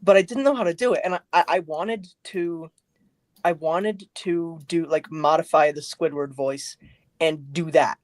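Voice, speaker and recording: A man chatting casually about voicing characters in a fan production, animated and full of restarts. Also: a little high, a little slow, dry recording. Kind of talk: casual group chat.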